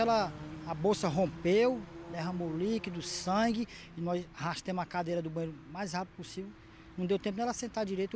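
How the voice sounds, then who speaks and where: A man's voice: high-pitched, darkish tone, a little hiss or hum. Agitated man interviewed on the street. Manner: agitated, uneven storytelling. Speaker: interviewee, father. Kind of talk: news interview.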